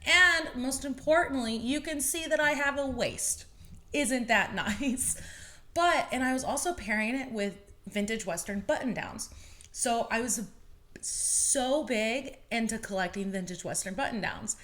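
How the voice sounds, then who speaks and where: A woman in her twenties hosting her own podcast, telling stories in a chatty, animated way with bits of laughter. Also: on the high side, measured pace. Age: 20s. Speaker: podcast host. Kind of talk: casual podcast monologue.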